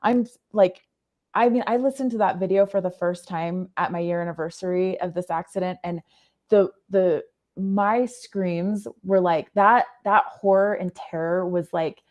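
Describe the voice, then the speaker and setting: A woman's voice: on the low side, fairly even intonation, a little mellow. A woman, a podcast guest, telling a personal story in earnest, often stopping to find the right words. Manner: earnest, halting, often stops to rephrase.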